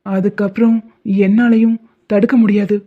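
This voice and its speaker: A woman voicing a caring, protective young man in an animated story, with a gentle, teasing, coaxing delivery. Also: mid-range voice, normal speed, natural voice. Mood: earnest. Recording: tinny phone-like sound.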